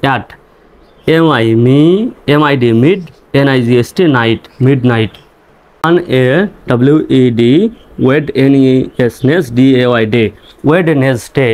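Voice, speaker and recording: A man teaching English reading, spelling words out letter by letter and repeating each pronunciation slowly. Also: medium pitch.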